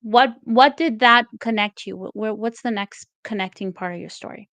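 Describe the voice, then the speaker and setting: Canadian-raised woman hosting a live stream chat, earnest and encouraging, smooth voice, dry close sound. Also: fairly high pitch, normal speed, fairly bright tone, no room sound, rough recording. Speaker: host.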